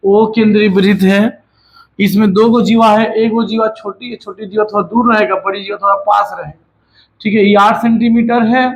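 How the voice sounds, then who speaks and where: A man runs a maths lesson in a fairly high voice. He talks in a chatty, teasing way, scolding his students and breaking into bits of song between steps. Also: rough recording. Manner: chatty teacher, scolds and jokes with students, sings snatches of songs. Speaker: maths tutor.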